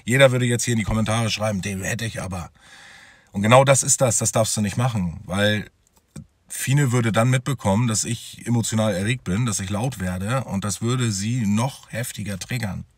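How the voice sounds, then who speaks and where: A man's voice: lowish voice, normal speed, breathy edge, no room sound. A man telling his own story as a father in a personal vlog, talking straight to his viewers in a conversational way.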